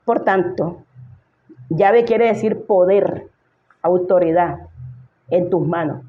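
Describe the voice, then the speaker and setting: A woman's voice: fairly low pitch, slow pace, narrow, tinny audio. A woman pastor preaching a sermon emphatically, speaking directly to her listeners and asking them rhetorical questions.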